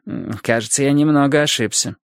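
A man voicing a sly, persuasive young schemer who talks slowly and quietly, in a storybook reading. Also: mid-range voice, vocal fry, smooth, no echo, studio quality, natural voice. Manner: slow, wheedling and quiet.

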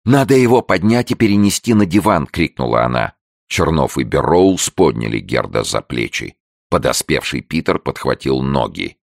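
A man narrating an audiobook in a steady, measured reading. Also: rumbling low, creaky, no echo, clean studio sound.

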